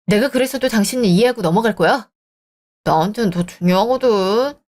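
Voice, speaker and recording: A woman's voice: mid-range voice, fairly quick, darkish tone, close to an everyday voice. A woman voicing a selfish, dismissive young married man in a radio drama, talking scornfully. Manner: scornful, bickering. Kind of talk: Korean radio drama acting.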